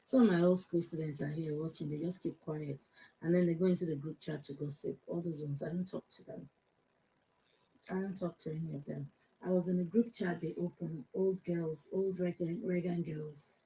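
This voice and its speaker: A woman's voice: deep voice, steady tone, normal speed, mellow, slight background noise, rough recording. Outspoken Nigerian woman in her fifties. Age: 50s. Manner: chatty and outspoken, switching between English and Yoruba. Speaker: live-stream host. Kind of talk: casual live-stream chat answering viewer comments.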